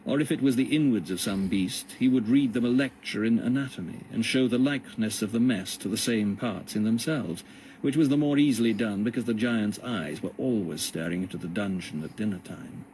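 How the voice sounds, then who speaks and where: A man narrating a storybook in a measured reading. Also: lowish voice, a little mellow, slight background noise. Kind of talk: audiobook narration.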